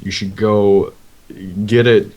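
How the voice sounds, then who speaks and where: A man's voice: fairly low pitch, little pitch movement, slow pace, lo-fi sound. A man co-hosting a casual podcast, laid-back and chuckling along. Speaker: podcast co-host. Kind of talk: casual chat.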